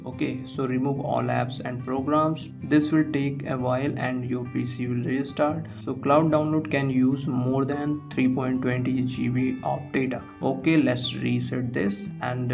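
A man's voice: medium pitch, creaky. A man hosting a tech tutorial, casually talking the viewer through steps with lots of "okay" and "uh", recorded on a phone. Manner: chatty, loose phrasing with frequent "okay" and "uh". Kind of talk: casual how-to walkthrough. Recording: dull lo-fi phone recording with guitar music behind.

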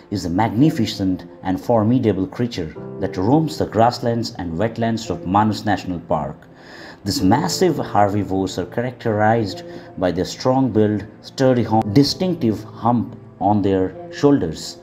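Male, measured nature documentary narrator, dark warm tone, faint music underneath. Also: lowish voice. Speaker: wildlife vlog narrator.

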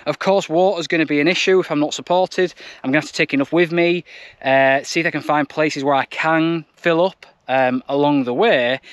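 A man's voice: fairly high pitch, no echo. A young man chatting casually to camera while out running on a trail. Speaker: running vlogger. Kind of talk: casual vlog talk to camera. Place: outdoors on open moorland trails. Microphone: action camera held at arm's length.

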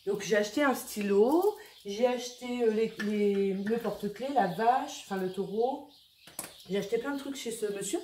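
A woman's voice: medium pitch, normal speed, mellow, a little hiss or hum. A middle-aged woman chatting casually on her vlog, rambling and full of fillers. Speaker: vlogger. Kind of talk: casual chat.

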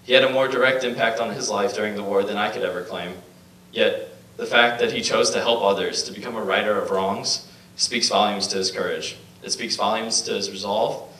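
Young man from Bosnia, earnest speech, lowish voice, distant echoey hall recording with faint hum. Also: fairly even intonation, fairly quick, pushed and bright. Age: young adult. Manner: earnest, with hesitant restarts and fillers. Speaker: student speaker. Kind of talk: prepared speech read at a podium. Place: lecture hall. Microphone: handheld mic, filmed from far.

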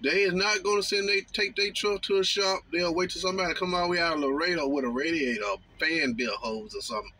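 A man talking casually from his parked truck cab, drawling and mocking with slow, emphatic phrases, recorded on a phone on the dashboard. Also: a little high, pushed and bright. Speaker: truck driver vlogger. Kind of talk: casual monologue.

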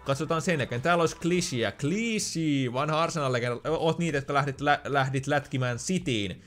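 A man's voice: fairly high pitch, fairly bright tone. Guy rambling thru his picks while gaming, jokey, faint music behind. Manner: thinks aloud, chatty, jokey asides. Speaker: gaming YouTuber. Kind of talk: casual gameplay commentary.

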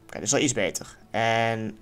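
A man giving casual let's-play commentary in a lively way, swearing now and then and yelling at near misses. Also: medium pitch, normal speed, clear, resonant tone, faint music behind. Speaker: gaming YouTuber.

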